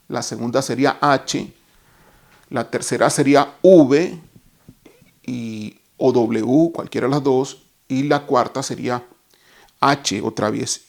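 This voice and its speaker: A man's voice: mid-range voice, creaky, darkish tone. A man teaching a Bible lesson, explaining each term step by step and stopping to correct himself.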